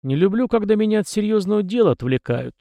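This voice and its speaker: A man's voice: sits high, animated, quick pace, mellow, no room sound, voice pushed up. A man reading an audiobook, voicing a brash, proud young male warrior who speaks curtly and with scorn. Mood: blunt. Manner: scornful, curt.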